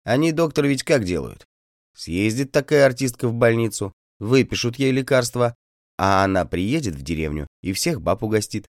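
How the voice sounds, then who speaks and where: A man's voice: mid-range voice, lively intonation, moderate pace, no echo, studio quality, pitched above the performer's own voice, lightly acted. A man voicing a stern, solemn older village medic in an audiobook, scolding in a severe tone. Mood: knowing.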